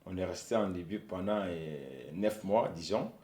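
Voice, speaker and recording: A young man speaks slowly in a very low, dark voice. He searches for words as he tells his own story. The sound bounces around a roomy space. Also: lively intonation. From Côte d'Ivoire. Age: 20s. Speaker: young interviewee. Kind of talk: personal testimony. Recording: roomy echo.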